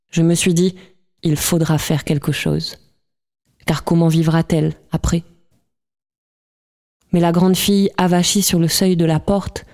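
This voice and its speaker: A woman reading a novel aloud as an audiobook in a calm, measured way. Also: lowish voice. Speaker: audiobook reader. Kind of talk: scripted literary narration.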